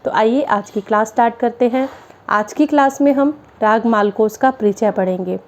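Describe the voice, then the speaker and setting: A woman's voice: on the high side, normal speed. A woman from Haryana, India, a music teacher giving a classroom-style music theory lesson, explaining each term step by step with simple definitions.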